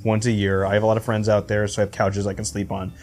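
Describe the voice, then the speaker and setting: A man chatting casually as a podcast guest, telling animated stories and slipping into quick comic voices. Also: on the low side, soft background music. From Phoenix, United States. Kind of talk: casual chat.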